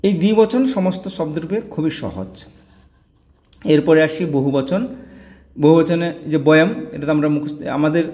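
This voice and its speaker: A man's voice: a little high, normal speed, darkish tone, in a large hall. A man teaching a grammar lesson, drilling word endings aloud and repeating each form. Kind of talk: explaining grammar tables.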